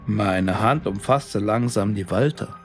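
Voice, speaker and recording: A man narrating a scripted horror story in a deliberate, suspenseful, dramatic way. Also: fairly low pitch, faint music behind.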